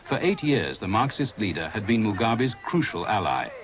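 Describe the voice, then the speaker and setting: A man giving measured, scripted documentary narration in a grave tone. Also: fairly low pitch, very animated, music in the background. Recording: noisy 1980s broadcast audio.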